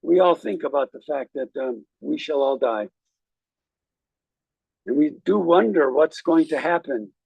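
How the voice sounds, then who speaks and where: A man speaking as a rabbi at a graveside, giving a eulogy in a measured, reflective way with deliberate pauses. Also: a little high, lively intonation, creaky, a little mellow, husky, no echo, highs cut off. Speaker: rabbi officiating at a funeral.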